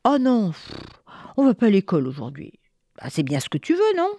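Sleepy grumbling mom who doesn't care, bouncy pitch, a woman voices her. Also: wildly swooping pitch, fairly quick, mellow, no room sound. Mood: sleepy careless. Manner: grumbling, drowsy and offhand. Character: lazy, sleepy mother who couldn't care less. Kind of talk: children's story voices.

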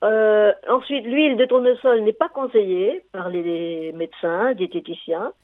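A woman's voice: medium pitch, measured pace, no room sound. An older woman calling in to a radio show over the phone, hesitant and often restarting as she gives cooking advice. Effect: phone line. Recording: tinny phone line.

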